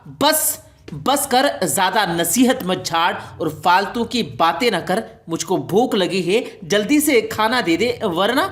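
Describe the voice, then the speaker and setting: A woman voicing a rude, hot-tempered young son in a storybook tale, who makes loud, demanding orders. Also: medium pitch, expressive, hardly any pauses, close to an everyday voice. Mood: angry. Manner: demanding, shouting.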